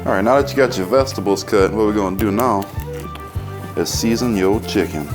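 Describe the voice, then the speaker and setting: Over music, a man with a Cajun accent hosts a casual cooking demonstration as the chef. His fairly low voice moves fairly quickly, and his talk is folksy and colloquial.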